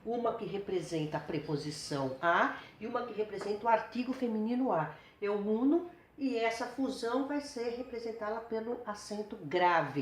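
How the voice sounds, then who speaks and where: A woman teaching a grammar lesson, patient and repetitive, slowing down to spell out her examples. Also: on the high side, echoey room, a little hiss or hum. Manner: patient, repeats words and restarts, slows to spell out examples.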